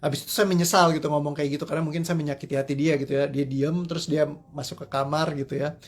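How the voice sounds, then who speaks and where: A man's voice: a little high, level tone, racing. A man coaching in a live-streamed talk, telling personal stories in a chatty, self-deprecating way and laughing often. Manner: conversational, sprinkles agreement tags. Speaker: motivational coach.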